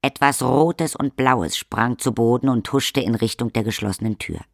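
A man's voice: mid-range voice, normal speed, vocal fry, no room sound. Man narrating a fantasy audiobook, dry sound. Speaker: audiobook reader. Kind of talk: scripted narration.

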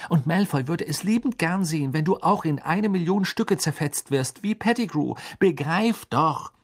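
A man voicing a clever, anxious teenage schoolgirl in an audiobook, urgent and pleading, with a husky voice. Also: a little high, expressive, normal speed, voice pushed up. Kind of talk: audiobook character voice.

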